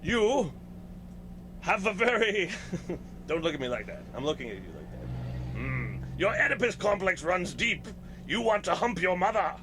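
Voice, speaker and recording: Brief: man voicing a high, lively, taunting alien puppet, pompous and crude. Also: unhurried, noisy background. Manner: grandiose, taunting, toilet-humored.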